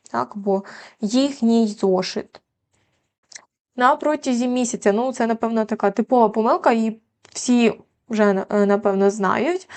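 A woman's voice: medium pitch, a little mellow. A young woman tutor explaining common word-usage mistakes to students, patient and full of filler sounds. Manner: patient, many filler sounds and tag questions. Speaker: Ukrainian language tutor. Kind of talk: explaining grammar lesson.

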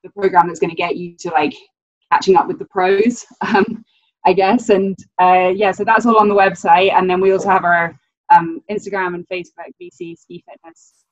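Over dull, lo-fi video call audio with no room sound, a British woman in her twenties, a ski coach, chats away casually. She speaks at a moderate pace in a mid-range, fairly even voice, laughing often and dropping many "um"s and "like"s.

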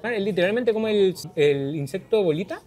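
A man's voice: sits high, expressive, brisk, darkish tone. Chatty young man tasting food. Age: young adult. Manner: chatty, addresses viewers, laughs often. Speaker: host. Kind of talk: casual food vlog chat. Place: small crowded restaurant, indoors. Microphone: lapel mic.

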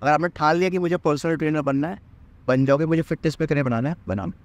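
A man's voice: fairly high pitch, fast talker. A young man in his twenties, a fitness trainer, giving an earnest motivational talk to the camera outdoors in a park, speaking directly to viewers and often restarting phrases. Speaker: fitness trainer and course mentor. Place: outdoors in a park under a tree. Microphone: camera at medium distance.

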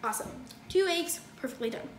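A young woman with a high, lively voice talks a little fast while hosting a casual home cooking video, chatty and upbeat, full of fillers and self-corrections. She's recorded on a phone camera across the counter in an echoey, noisy kitchen.

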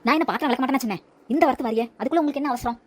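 A woman playing a sharp-tongued, defiant young daughter-in-law in a comedy skit, arguing back. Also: sits high, racing. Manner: argumentative, retorting. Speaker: comedy sketch actor.

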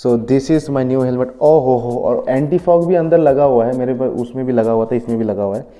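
Hoarse young man, dark mellow voice. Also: medium pitch, normal speed. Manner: chatty, addresses viewers as guys. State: hoarse from a cough. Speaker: motovlogger. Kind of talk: casual vlog talk.

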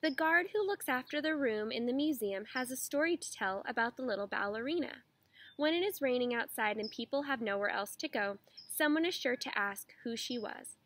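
A woman teacher reading a children's picture book aloud in a clear, expressive way. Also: fairly high pitch, brisk, a little hiss or hum.

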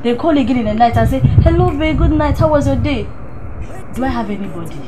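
An actress with a Nigerian accent playing a teasing student friend who scolds and mimics in a lively way. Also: female voice, sits high, brisk, noisy background. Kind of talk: film drama acting.

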